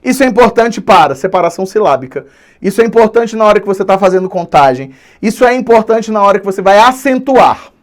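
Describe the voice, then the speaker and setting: A male Brazilian Portuguese teacher giving an online grammar lesson, animated and drawing out key words slowly for emphasis. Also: high voice.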